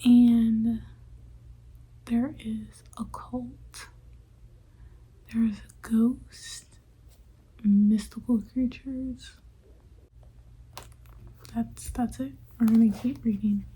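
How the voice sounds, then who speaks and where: Whispering young woman, slow and flat. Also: a little high, slightly rough, poor audio. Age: 20s. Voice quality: slightly off speech from a dental retainer. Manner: whispering, loose and chatty with many "like"s. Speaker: book vlogger. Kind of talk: whispered late-night vlog check-in.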